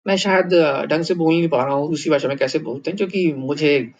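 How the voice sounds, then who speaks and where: A man's voice: fairly high pitch, fairly quick, lo-fi sound. A man teaching a language lesson in a casual way, thinking aloud with many fillers and repeated words.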